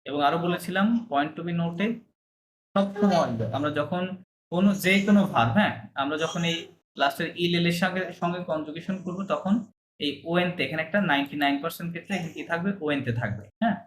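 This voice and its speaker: A medium-pitched voice moves quickly over a noisy background. It belongs to an online French teacher who patiently explains verb endings, checks understanding often, and blends English and French terms.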